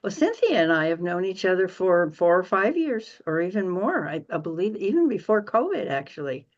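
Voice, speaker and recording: A woman co-hosting a podcast, asking questions in an unhurried, complimentary manner. Her voice sits a little low and the recording sounds dull and lo-fi. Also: big pitch swings. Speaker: podcast co-host. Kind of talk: casual podcast interview.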